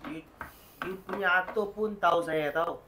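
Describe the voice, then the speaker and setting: A man's voice: high-pitched, normal speed, low-quality recording. A man, an ex-husband at a healing session, reproachfully confronting his former wife and repeatedly demanding answers. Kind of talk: confronting, emotional talk. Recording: loud background noise.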